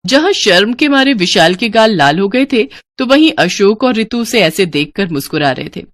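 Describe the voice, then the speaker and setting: A woman at a middle pitch narrates a cartoon moral story. She reads in a clear, expressive storyteller manner. The recording is dry and close-miked. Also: moderate pace, no room sound. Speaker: narrator and voice of female figures.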